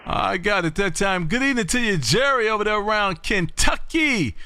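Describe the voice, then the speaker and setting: A man's voice: high-pitched, animated, moderate pace, bright, forceful tone, clean tone, dry recording. A man from Texas hosting a livestream as an amateur radio operator, chatting in a folksy, exclamatory way and repeating his phrases. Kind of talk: animated on-air ham radio chat.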